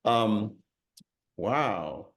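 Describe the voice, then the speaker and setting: An older man with a somewhat low voice speaks informally to a live audience. He is a novelist from Chicago, candid and self-deprecating, and he presses his points with emphasis. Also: lively intonation, drawn-out words. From Chicago, USA. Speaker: novelist giving a talk.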